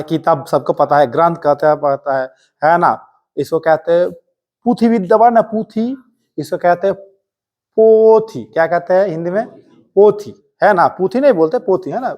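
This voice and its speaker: A man teaching Hindi vocabulary in a live coaching class, quizzing students with rapid questions and answers and scolding them playfully. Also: on the high side, darkish tone. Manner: strict, jokingly threatens students.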